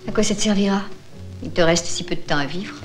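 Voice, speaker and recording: A woman's voice: lowish voice, quick pace, lightly acted. An actress playing a small, short-sighted, mercenary female informant in a dubbed film drama, with a teasing, theatrical manner. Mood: smug, teasing. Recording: music behind the voice.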